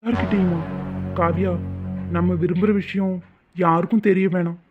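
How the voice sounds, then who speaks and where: A man voicing a calm, secretive young village man in a cartoon, coaxing and low-key. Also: moderate pace, natural voice. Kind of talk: cartoon voice acting. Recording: muffled lo-fi audio with faint music.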